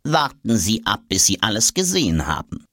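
A man's voice: fairly low pitch, big pitch swings, moderate pace, fairly bright tone, no echo, clean studio sound, full character voice. A man voicing a curious, lecturing diplomat's briefcase in a children's story. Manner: lecturing, nosy. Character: light brown diplomat's briefcase, know-it-all, curious. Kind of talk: audiobook character voice.

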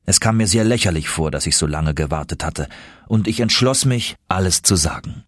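Man, audiobook narrator, low pitch, husky, dry sound, measured. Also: animated, no room sound. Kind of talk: first-person audiobook narration.

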